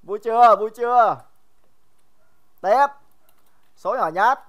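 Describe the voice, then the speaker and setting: A man's voice: very high voice, slow pace, a bit bright. A young man teaching a casual livestream math review, chatty and joking, teasing his students by name and often repeating himself.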